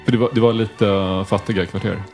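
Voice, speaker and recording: A man interviewing a guest, asking curious, prompting questions in a relaxed conversation. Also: lowish voice, soft background music.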